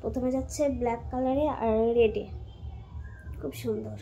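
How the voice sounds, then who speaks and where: A woman casually showing off sarees for sale, talking to her viewers in a soft, repetitive way about how soft the fabric is. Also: on the high side, steady tone, normal speed, soft background music, poor audio. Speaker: saree seller. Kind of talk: casual product showcase.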